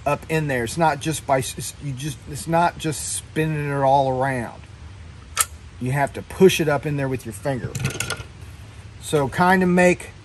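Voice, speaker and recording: A man's voice: on the high side, a little hiss or hum. A middle-aged man in a boatyard, talking plainly through a hands-on boat repair as he works under the hull. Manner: plainspoken, hands-on explaining while working. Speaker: boat owner showing repair work. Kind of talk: casual how-to narration.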